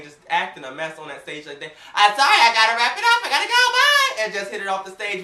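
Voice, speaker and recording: A woman casually reviewing an awards show in a sassy, animated, gossipy way, acting out quotes as she talks. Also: on the low side, distant mic. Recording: roomy, off-mic home recording.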